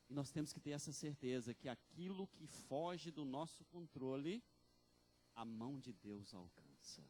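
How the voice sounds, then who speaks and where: A male pastor preaching a sermon with passion, voice rising and falling in loudness. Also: mid-range voice, a little hiss or hum. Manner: impassioned, with big swings in loudness.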